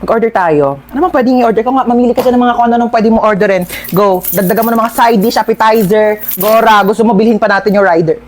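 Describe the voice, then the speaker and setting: A woman performing a comedic skit in a loud, flamboyant, campy manner with sudden shrieks. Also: a little high, fast, hardly any pauses.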